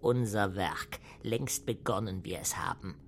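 A woman's voice: rumbling low, unhurried, a little hiss or hum. A woman voicing an ancient alien guinea pig who plots to wipe out humanity and speaks in inverted word order. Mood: lofty.

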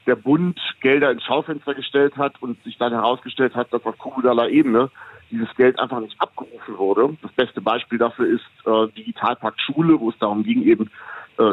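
A man, an economist guest, giving measured, explanatory interview answers with frequent hesitations. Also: medium pitch. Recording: tinny phone line, dry.

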